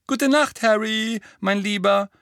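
A man voicing a warm, motherly middle-aged witch with a high, fussing voice. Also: takes it slowly, no room sound, studio quality.

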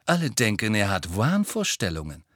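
A man voicing a sharp, scheming female tabloid reporter with a pushy, insinuating manner. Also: fairly low pitch, huge pitch swings, normal speed, no echo, clean studio sound, full character voice. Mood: cool. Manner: pushy, insinuating, then breathy and honeyed.

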